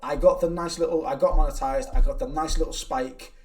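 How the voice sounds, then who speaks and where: A man hosting a casual podcast, talking in an animated way, swearing and laughing often. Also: fairly high pitch, brisk, recorded from a distance, crowd noise. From United Kingdom. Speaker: podcast host and reaction channel creator. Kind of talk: casual chat.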